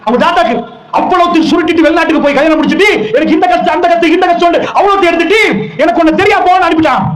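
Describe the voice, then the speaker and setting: A man's voice: very high voice, very fast, reverberant, rough recording. A man preaching an Islamic sermon, fervent and emotional, firing rhetorical questions at the congregation.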